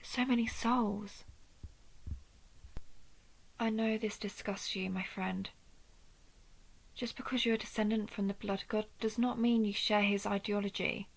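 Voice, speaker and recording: In a somber scripted audio roleplay addressed to the listener, a woman voices a wounded, proud vampire huntress guarding a friend outside a ruined temple, like something from a late-night audio drama. Her creaky, measured voice is medium in pitch with fairly even intonation, and the recording is rough. The character is an injured hunter of vampires, protective and wry.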